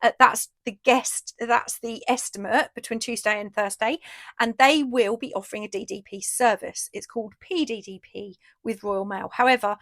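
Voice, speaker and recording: A UK craft shop owner with a voice on the high side chats through a casual video update and unboxing, recorded with no echo. She mentions she's losing her voice and gets excited about every item, chatty and enthusiastic with lots of "ooh"s and fillers.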